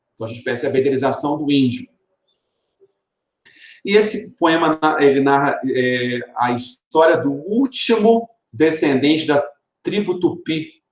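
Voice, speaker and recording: A male literature teacher, giving a recorded video lesson in an explanatory way and tagging his points with rhetorical questions. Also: mid-range voice. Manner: explanatory, tags lines with rhetorical "né?". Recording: roomy echoey room.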